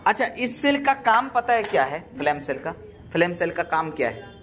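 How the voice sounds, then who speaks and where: A man's voice: high-pitched, very animated, normal speed, a bit bright, faint music behind. A man teaching biology, quizzing his students with repeated questions and calling them "beta.". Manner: calls students "beta" affectionately. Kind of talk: classroom lecture.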